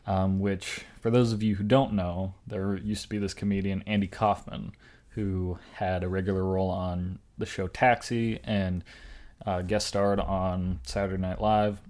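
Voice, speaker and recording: A young podcast co-host chats casually, rambling with lots of fillers and restarts. His low, darkish voice stays level in tone and unhurried.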